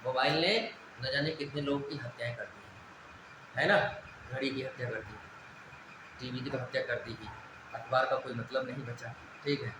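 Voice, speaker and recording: A male teacher lectures a class on Hindi grammar in a medium-pitched, steady voice at normal speed. He poses questions, answers them himself, and repeats the key points. The recording is very echoey with background noise.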